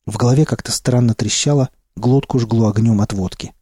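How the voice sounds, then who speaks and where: Male audiobook narrator, mellow husky voice. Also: medium pitch, fairly quick, no room sound, studio quality. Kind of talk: first-person audiobook narration.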